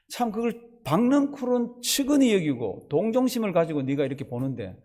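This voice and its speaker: A man's voice: high-pitched, a little mellow. A man voicing God as a stern figure who chides a prophet with emphatic, repeated phrases. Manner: chiding, emphatic repetition. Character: stern scolding male God addressing a prophet.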